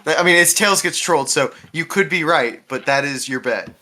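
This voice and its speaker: A man with a fairly high, sharp-toned voice hosts a casual podcast at a brisk clip. Blunt and profane, he keeps the conversation moving with questions.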